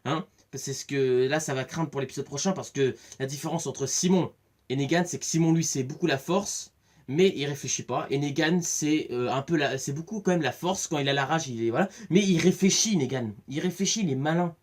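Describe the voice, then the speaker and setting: A talkative man giving a casual, rambling spoken review, excitable and full of restarts. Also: on the high side, fairly quick. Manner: chatty, rambling, many restarts and fillers; excitable, acts out scenes with voices. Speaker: film and series reviewer.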